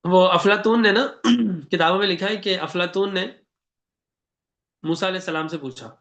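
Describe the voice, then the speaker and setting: A man with a Pakistani Urdu accent teaching an online Quran class in a conversational way, often checking with students and reciting prayers slowly. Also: high-pitched, a bit bright. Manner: conversational, asks the class questions. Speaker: religious teacher.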